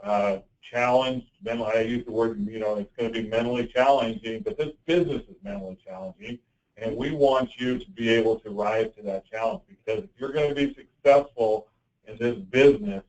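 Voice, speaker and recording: A man leading a sales team conference call, heard through a call speaker, talking in a halting, conversational way. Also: mid-range voice, a little mellow. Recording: muffled distant call audio.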